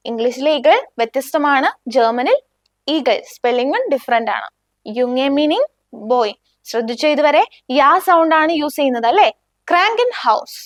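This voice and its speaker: Woman teaching german, says every word twice real slow and clear. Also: high-pitched, lively intonation, dry recording, clean studio sound. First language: Malayalam. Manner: slow, clear, repeats each word for the learner. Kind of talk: beginner language lesson.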